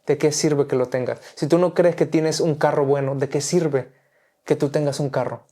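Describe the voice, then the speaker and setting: Mellow-voiced man preaching earnestly. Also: a little high, steady tone, moderate pace. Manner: earnest, exhorting, repetitive phrasing. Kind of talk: preaching in conversation.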